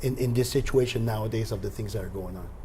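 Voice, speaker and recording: Halting fast-talking male guest. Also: fairly low pitch, noisy background. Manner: halting, restarts often while searching for words. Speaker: guest candidate. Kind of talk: casual interview talk.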